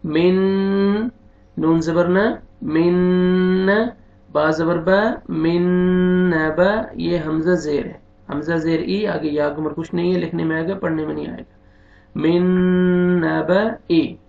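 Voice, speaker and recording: A man teaching beginners to read the Quran, spelling out letters and vowel marks one by one, with quicker, quieter explanations of the rules. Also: on the high side, steady tone, vocal fry, highs cut off. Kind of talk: slow spelled-out recitation lesson.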